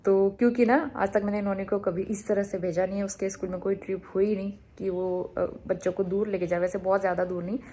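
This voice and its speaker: A woman talking casually to the camera at home as a vlogger, thinking out loud with pauses. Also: medium pitch, steady tone.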